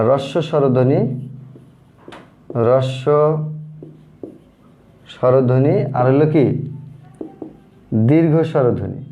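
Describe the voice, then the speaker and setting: A male teacher giving a grammar lesson, patient, repeating terms and asking rhetorical questions. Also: fairly high pitch. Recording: thin phone-like audio.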